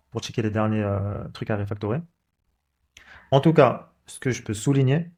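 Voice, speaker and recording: A man with a fairly low, slightly mellow voice runs a coding channel and here narrates a laid-back screen-recorded walkthrough. He thinks aloud about the code, restarting often and using plenty of fillers.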